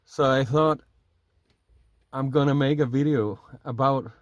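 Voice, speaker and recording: A middle-aged man speaks haltingly in a casual demonstration vlog, recorded inside a small minivan camper. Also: medium pitch, dry recording, dull audio. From Denmark. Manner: hesitant, halting delivery while working. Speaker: vlogger. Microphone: camera a short distance away.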